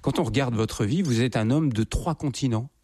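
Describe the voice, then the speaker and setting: A man working as a radio interviewer, asking measured questions and summing up his guest's life story. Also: medium pitch, mellow, slightly rough, dry recording. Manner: measured, guiding questions with summaries.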